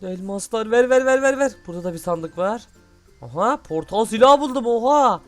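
Excitable male gaming host, high and very animated, faint game music behind. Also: normal speed. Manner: excitable, loud exclamations. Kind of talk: excited gameplay commentary.

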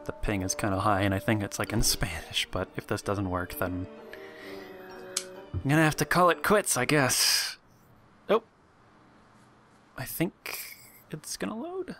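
A young man chatting casually while playing an online game, laughing often and filling pauses with um and uh. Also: on the low side, lively intonation, sharp tone, soft background music. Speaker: gameplay video host. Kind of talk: casual gaming commentary.

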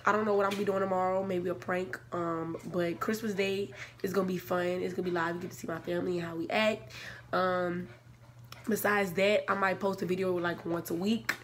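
A woman's voice: lowish voice, steady tone, brisk. Young woman vlogger chatting casually. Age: young adult. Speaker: vlogger, channel host. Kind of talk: casual vlog chat. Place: small office-like room, indoors. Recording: faint room noise, casual camera audio.

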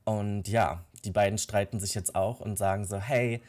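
A man's voice: on the low side, little pitch movement, moderate pace, darkish tone. A young man casually commenting on a life-simulation game, telling the characters' quarrels and thoughts in his own voice with frequent fillers. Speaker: Let's Play host.

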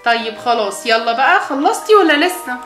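A woman's voice: high-pitched, expressive, fairly quick, a bit bright, slight background noise. A woman with an Egyptian Arabic accent voicing a caring mother doll in a soothing, motherly way. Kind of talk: doll play acting. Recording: echoey room.

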